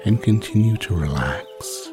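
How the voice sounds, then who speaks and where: A man narrating a guided sleep meditation like a sleep story, soothing and unhurried, with long pauses between phrases. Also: on the low side, lively intonation, music in the background.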